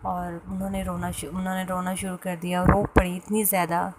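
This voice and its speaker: A woman tells a personal story in a casual, hesitant way, pausing often with fillers and restarts. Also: fairly low pitch, level tone, heavy background noise. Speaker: vlogger sharing a personal story.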